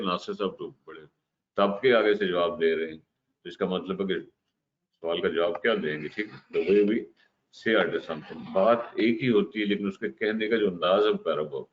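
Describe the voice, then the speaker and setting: Slowly working through a lesson on communication, a man with a deep voice sprinkles English terms into Hindi-Urdu and keeps checking in with "ठीक है." The audio sounds a bit dull and carries a faint hiss.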